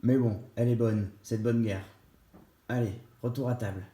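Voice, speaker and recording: A man's voice: medium pitch, fairly even intonation, normal speed, warm tone. A man hosting a casual food-tasting vlog at home, playful and punning, with mock-solemn verdicts. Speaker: food reviewer. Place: home, at the table. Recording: roomy echo.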